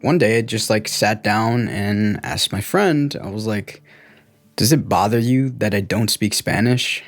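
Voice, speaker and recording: A young American man, born in Guatemala, speaks at a measured pace in a fairly low voice. As a podcast co-host, he tells his own life story candidly and informally in a reflective conversation. There's no room sound, and faint music plays behind him.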